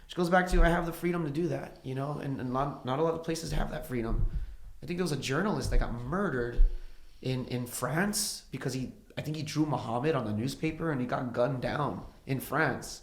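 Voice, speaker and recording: A man's voice: mid-range voice, fairly quick, echoey room. A man, a musician guest on a podcast, chatting casually and telling stories with a lot of swearing. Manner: profane, animated storytelling.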